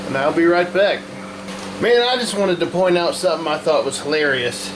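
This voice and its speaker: Higher-voiced man over loud fan noise. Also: normal speed. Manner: folksy, talking himself through each step. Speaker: host of a hands-on repair video. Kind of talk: casual how-to commentary while working. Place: hot workshop with a fan running. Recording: constant fan and hum noise behind voice. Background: running fan, steady hum.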